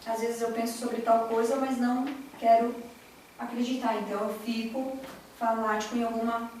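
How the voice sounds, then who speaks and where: A woman's voice: fairly high pitch, flat delivery, normal speed, a little mellow, slight background noise. A woman giving an earnest spiritual lecture at a spiritist center, telling personal stories and speaking directly to her audience. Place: large echoey hall, recorded from afar. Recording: very echoey distant hall recording.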